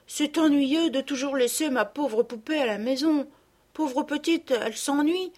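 A woman's voice: high-pitched, unhurried, darkish tone, voice pushed up. A woman voicing a childish, stubborn little girl in a storybook reading, with a whiny, pleading tone.

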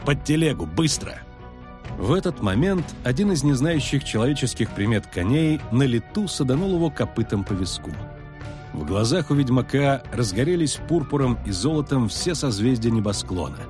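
A man narrating an audiobook in a steady storytelling manner. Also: medium pitch, moderate pace. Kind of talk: scripted narration. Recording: dry close studio with faint music.

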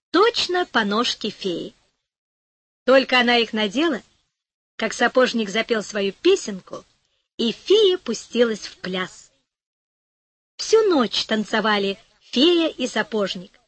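A woman narrating a fairy tale for an audiobook, gentle and expressive. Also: on the high side, no echo. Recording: dry studio audiobook.

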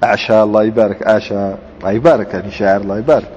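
On a dull lo-fi recording made in a large hall with a long echo, a man teaches grammar very fast in a steady voice that's on the low side with a breathy edge. He explains step by step, quizzes the class as he goes, and mixes dialect with formal Arabic.

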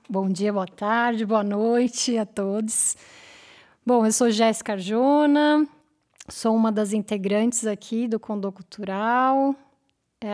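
A woman speaking as a guest in a radio studio interview, talking in a relaxed, rambling way with frequent fillers. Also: mid-range voice. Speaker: interview guest, cultural center member. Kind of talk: podcast interview.

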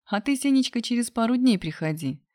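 A woman reading aloud, voicing a sharp-tongued young woman who teases and mocks calmly. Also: a little high, fairly quick, dry recording, clean studio sound, voice pushed up, lightly acted. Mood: teasing. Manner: mocking, cool and cheeky. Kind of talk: audiobook character voice.

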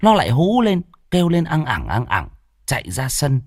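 A man's voice: fairly high pitch, huge pitch swings, moderate pace, no room sound, studio quality. A man telling a ghost story in a vivid, dramatic way. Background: faint music.

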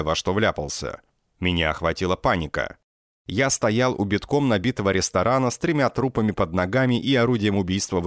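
A man reading a first-person audiobook in a deadpan, sardonic manner. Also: low voice, dry recording, clean studio sound. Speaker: audiobook reader.

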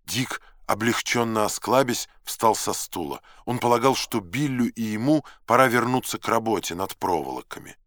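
An audiobook narrator reads a first-person novel in a low voice, measured and dramatic with an ironic edge. His intonation is lively and his tone fairly bright, and the sound is dry, close-miked and free of echo.

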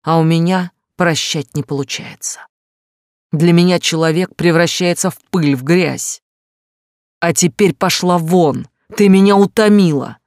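A woman reading the lines of a cruel, contemptuous man in an audiobook, cutting and scornful, sometimes shouting. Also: low voice, steady tone, normal speed, no echo, clean studio sound. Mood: furious. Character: cruel, contemptuous man rejecting his lover.

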